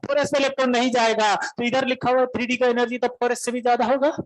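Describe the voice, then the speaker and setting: A man doing a ranting Bihari student, high and loud. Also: little pitch movement, fast talker, poor audio. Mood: indignant. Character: agitated young male Bihari student.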